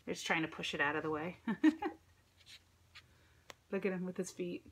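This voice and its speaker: A middle-aged American woman reads a picture book to children, teacher-style, with expressive delivery, chatty asides and questions. Her lowish voice has fairly even intonation, a moderate pace and a fairly bright tone, with a little hiss or hum. She's at home in a room with a dresser and ceiling fan, captured on a phone or tablet at arm's length.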